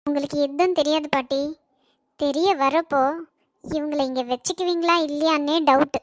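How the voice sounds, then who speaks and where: A defiant young woman, curt and resentful toward her family, played by a woman for a homemade cartoon. She talks with a Kanyakumari Tamil accent in a high voice. The sound is dry and close. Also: fairly even intonation, moderate pace, dry recording, close to an everyday voice. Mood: bitter. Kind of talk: amateur cartoon voice acting.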